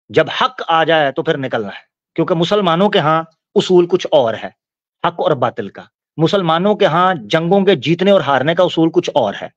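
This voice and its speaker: A man giving Islamic commentary, explaining points and reciting verses slowly. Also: a little high, no echo, lo-fi sound. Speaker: religious commentator.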